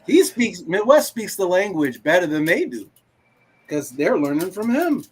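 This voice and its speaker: A man whose first language is Creole, telling a personal story in casual live talk-show chat, animated and emphatic, often repeating himself. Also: high-pitched, moderate pace, breathy edge. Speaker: co-host.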